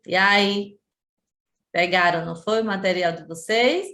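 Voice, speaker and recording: A schoolteacher from Sergipe, speaking with a Brazilian Portuguese accent, gives a remote class lesson, patiently repeating and stressing syllables. Her medium-pitched voice is bright and forceful, a little slow, and the recording has a roomy echo.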